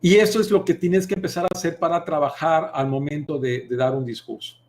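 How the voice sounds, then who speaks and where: A Mexican public speaking instructor with a Mexican Spanish accent leads a live online masterclass. He deliberately shifts his volume, pitch and pace to show off vocal technique, speaking expressively and directly to viewers.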